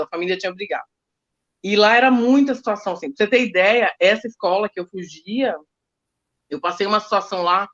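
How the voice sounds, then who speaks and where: A woman teacher, recounting school stories in an emotional, animated way. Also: mid-range voice, muffled recording. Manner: emotional, animated retelling with quoted speech. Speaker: teacher guest. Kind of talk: storytelling in a casual interview.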